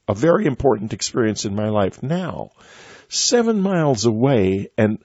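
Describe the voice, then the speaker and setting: An older man hosting a radio interview, telling a personal story in a reflective, halting way with many restarts. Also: medium pitch, a little mellow, husky, dry recording. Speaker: radio host. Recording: dry, dull lo-fi sound.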